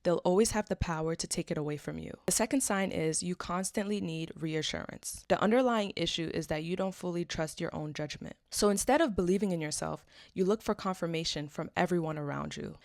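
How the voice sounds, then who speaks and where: Young woman, twenties, lowish voice, dry close sound, chatty and rambling. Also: fairly quick, gravelly, hardly any pauses, a little mellow, no room sound. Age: 20s. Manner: rambling and chatty, with frequent fillers and tag questions. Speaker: vlogger. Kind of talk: scripted narration, then casual personal chat.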